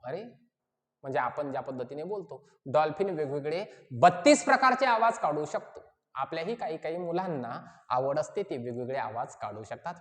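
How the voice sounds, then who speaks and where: In an exam-prep lesson, a woman with a lowish voice teaches children from a reading passage, explaining each point slowly. She keeps posing questions to her pupils and answering them herself, her voice rising and falling widely, with a long hall reverb trailing her words.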